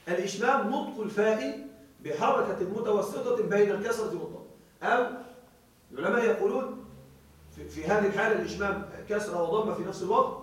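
A man teaching a grammar class, explaining slowly, repeating key words and checking that students follow. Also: high-pitched. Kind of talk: classroom lecture. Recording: very echoey room, voice far from mic.

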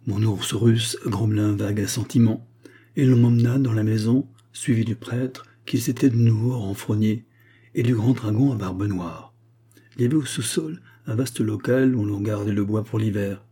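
Male audiobook narrator, mellow and husky, measured first-person storytelling. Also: lowish voice.

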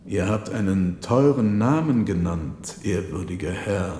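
A man's voice: sits low, expressive, a little slow, dark tone, a little hiss or hum. A man voicing an old host and grieving father who speaks earnestly and pleads. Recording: roomy reverberant hall.

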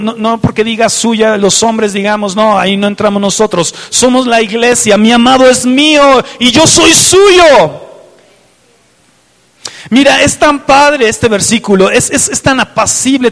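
A man's voice: very high voice, moderate pace, few pauses, big-room sound. A man preaching a fervent sermon, reading scripture aloud and asking his listeners direct questions. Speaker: pastor.

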